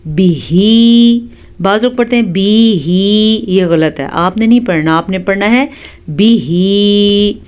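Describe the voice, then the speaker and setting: A woman teaching Quran recitation rules, explaining each one calmly and reciting words slowly and drawn out. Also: medium pitch. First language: Urdu. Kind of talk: tajweed lesson with slow recitation.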